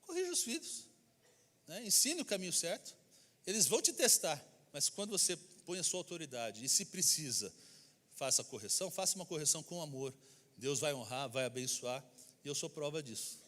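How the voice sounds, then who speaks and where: A man with a Brazilian Portuguese accent preaches as pastor in a church sanctuary, his voice a little high, animated, brisk, and sharp. He is emphatic and acts out the people he quotes. The church hall adds long reverb to the recording.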